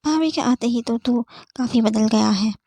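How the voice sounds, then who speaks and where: A woman voicing a playful, teasing young male doctor friend in an audiobook story, chatty and quick to tease. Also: fairly high pitch, creaky, mellow, slightly rough, no room sound. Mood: indignant. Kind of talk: audiobook character voice.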